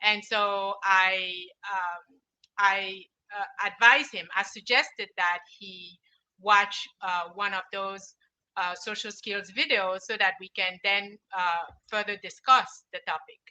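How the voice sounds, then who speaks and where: A woman from Cameroon presenting her app on a video call, earnest and halting, with many fillers. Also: mid-range voice, steady tone, bright, forceful tone, poor audio. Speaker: inventor pitching an app. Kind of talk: online pitch presentation.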